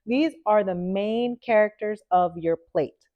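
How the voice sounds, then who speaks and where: Heard through phone-quality sound, a woman nutritionist talks a little slowly in a medium-pitched voice for her health vlog. Her manner is upbeat and chatty, a cold leaves her nasal, and she checks in with "okay?".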